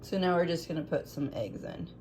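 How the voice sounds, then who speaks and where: A woman with a rough morning voice, chatting casually through a home kitchen cooking vlog. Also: low-pitched, brisk, slight background noise. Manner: relaxed, chatty, with fillers. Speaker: cooking vlogger.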